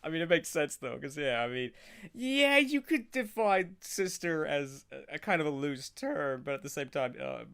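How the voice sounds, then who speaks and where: A man giving casual, off-the-cuff reaction commentary in a halting, rambling, giggly manner. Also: fairly high pitch, lively intonation, creaky, a bit bright, smooth.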